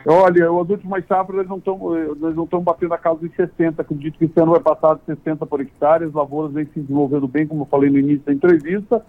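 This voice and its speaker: A man from Santa Catarina, speaking over a landline phone as a farm association president in an interview, plain-spoken with halting restarts. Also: a little high, little pitch movement, no room sound. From Santa Catarina, Brazil. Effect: over a landline phone line. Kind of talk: phone interview, casual explanation. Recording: tinny dry phone line.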